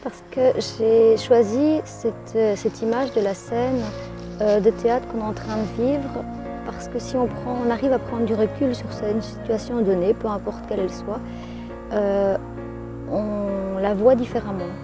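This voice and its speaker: A woman, a life coach and author, giving thoughtful interview answers, hesitating often with pauses and fillers. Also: fairly high pitch, fairly even intonation, over music.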